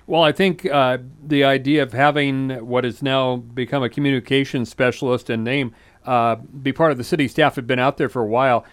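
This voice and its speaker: Male interviewer, mid-range voice, halting with lots of uhs. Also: mid-range voice, fairly even intonation, clear, resonant tone. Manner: halting, many uh fillers and restarts. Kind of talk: conversational interview.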